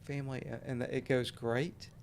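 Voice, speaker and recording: Guy guest on a podcast, gravelly voice, laid back, faint hum behind. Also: mid-range voice, moderate pace. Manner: relaxed, easygoing, with light hesitations. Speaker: guest, company general manager. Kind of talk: casual podcast interview.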